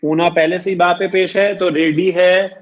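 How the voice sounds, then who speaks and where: A man with a fairly high voice leads an online grammar lesson. He talks patiently, repeats each point and keeps checking that his students understand. The audio is muffled, like a lo-fi call line. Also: little pitch movement. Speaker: Arabic grammar teacher.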